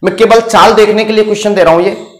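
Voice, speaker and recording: A man's voice: high-pitched, steady tone, fast. A male maths teacher lecturing in a classroom and quizzing his students with questions. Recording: roomy echo.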